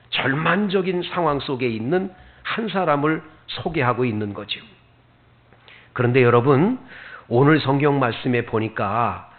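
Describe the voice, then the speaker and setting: A man's voice: a little high, narrow, tinny audio. A male pastor preaching a sermon, asking the congregation questions and acting out the people in the story. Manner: animated, acts out quoted speakers, asks the congregation questions.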